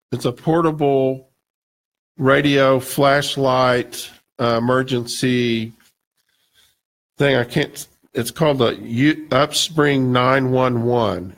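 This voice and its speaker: A male radio show host talking casually and rambling, with many restarts and fillers, his voice a bit scratchy. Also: mid-range voice. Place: radio studio.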